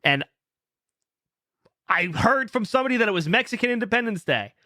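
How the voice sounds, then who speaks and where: A man's voice: high voice, expressive, brisk, bright, forceful tone, no room sound, clean studio sound. A man hosting a podcast in casual chat, rambling with lots of fillers and swearing. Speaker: podcast host.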